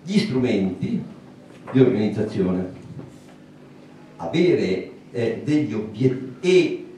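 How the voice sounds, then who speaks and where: Man, 60s, lecturing to a small audience; mellow, lively pitch, very reverberant distant recording. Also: slight background noise. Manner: thoughtful, pausing, with many fillers and restarts. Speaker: speaker at a public talk. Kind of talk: public lecture. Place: small meeting room, indoors. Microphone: handheld mic, recorded by a far camera. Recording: roomy echo from a distant camera.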